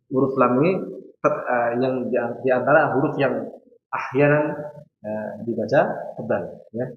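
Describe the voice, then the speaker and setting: A man's voice: mid-range voice, slight background noise. Indonesian man teaching recitation in echoey mosque. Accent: Indonesian, Javanese. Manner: explains patiently, demonstrates sounds, quizzes students. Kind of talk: religious class lecture. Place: mosque hall. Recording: echoey, dull mosque hall recording.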